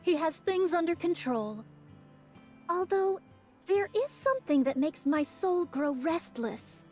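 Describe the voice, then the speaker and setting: A high, unhurried game swordswoman, speaking in grand archaic phrases. She longs to cross blades and measures every word. Soft music plays underneath. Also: very animated, exaggerated voice. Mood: stately. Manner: old-fashioned courtly speech. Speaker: game character. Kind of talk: game voice acting.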